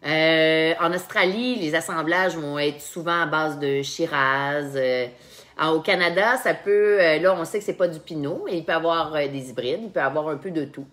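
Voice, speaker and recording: A woman's voice: deep voice, normal speed, a bit bright. Chatty Québécois woman sommelier. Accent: Québécois French. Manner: chatty, laughs often, repeats words while thinking. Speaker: sommelier hosting a tasting game. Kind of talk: casual live-streamed chat.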